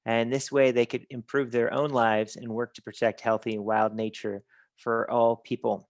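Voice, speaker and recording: A man presents at an online webinar, pausing often with fillers and restarting his sentences. His pitch barely moves as he speaks, and the sound is dry and close, with no room echo. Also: flat delivery. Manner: halting, many fillers and restarts. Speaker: conference presenter.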